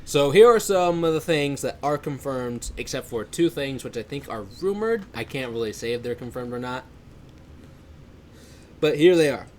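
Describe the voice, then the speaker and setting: Co-hosting a laid-back podcast, this twenty-something man speaks at a medium pitch, wandering through his points with many fillers and frequent laughs. There's a little background noise in the recording.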